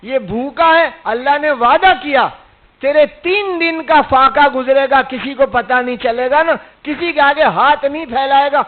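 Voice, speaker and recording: High-voiced preacher on a tinny recording. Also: male voice. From India. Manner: exhorting, asks listeners rhetorical questions. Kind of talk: religious sermon. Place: mosque gathering.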